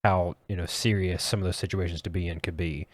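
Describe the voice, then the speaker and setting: A man's voice: deep voice, steady tone, fast talker, no echo. A man hosting a casual podcast, talking in an easygoing, hesitant way with many fillers. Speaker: podcast host. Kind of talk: casual chat.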